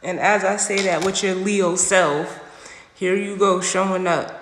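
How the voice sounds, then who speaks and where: A woman's voice: lowish voice, fairly even intonation, unhurried. Emphatic woman giving a tarot reading. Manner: emphatic, repeats phrases, slangy direct address. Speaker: tarot reader. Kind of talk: casual livestream tarot reading. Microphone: phone livestream. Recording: echoey room with long reverb, faint noise.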